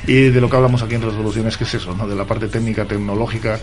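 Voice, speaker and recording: A man's voice: on the low side, level tone, very fast. A man hosting a radio interview, introducing guests with many hesitant fillers. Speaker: radio host.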